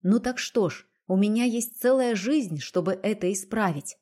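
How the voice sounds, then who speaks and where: A woman reading the part of a composed gentleman who speaks softly and coolly. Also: mid-range voice, lightly acted. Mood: cool calm. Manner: soft, cool and measured.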